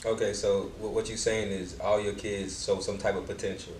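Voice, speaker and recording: A man's voice: on the low side, level tone, normal speed, a little mellow. A man co-hosting a podcast, playful and encouraging, often chiming in with short affirmations. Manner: playful, affirming, lots of backchannel. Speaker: podcast co-host. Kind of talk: casual podcast chat. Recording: roomy, distant mic with faint noise.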